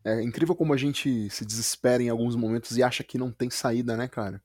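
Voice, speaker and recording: A man hosts a relaxed podcast conversation with eager energy, often repeating words for emphasis. His voice sits at a middle pitch. The sound is dry and close. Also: fast, dry recording. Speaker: podcast host. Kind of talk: casual podcast interview.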